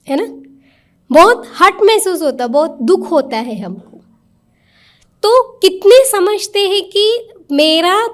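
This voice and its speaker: High-voiced woman coaxing her audience. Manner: questions the audience directly, coaxing and conversational. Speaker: spiritual teacher giving a weekly talk. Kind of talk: interactive spiritual talk. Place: meditation centre hall with a live audience.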